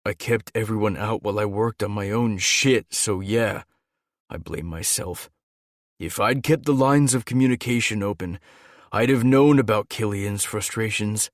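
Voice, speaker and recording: A man voicing a young male gargoyle shifter who talks earnestly and urgently, a little higher and louder than his narration. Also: moderate pace, no room sound, studio quality, lightly acted. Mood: anguished.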